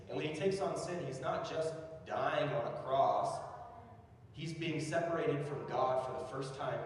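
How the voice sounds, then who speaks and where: A young man giving a casual, slangy youth sermon, building to loud emphatic peaks. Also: fairly high pitch. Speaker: youth speaker. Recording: distant mic in a very echoey hall.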